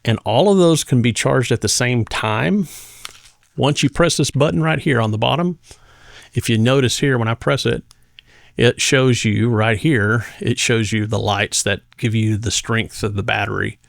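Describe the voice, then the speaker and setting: Clean studio sound with no echo captures a man of medium pitch with vocal fry. Reviewing a gadget, he demonstrates it conversationally and casually, but hesitantly, breaking off mid-phrase with pauses.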